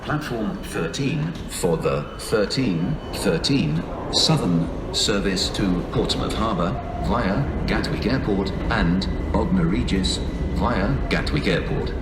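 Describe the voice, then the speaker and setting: British man, train station announcement, lowish voice, formal and measured, echoing tannoy. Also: far from the mic. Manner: formal, measured, listing stops one by one. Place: large railway station, over public address. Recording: echoey, noisy station tannoy heard from afar. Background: station ambience noise.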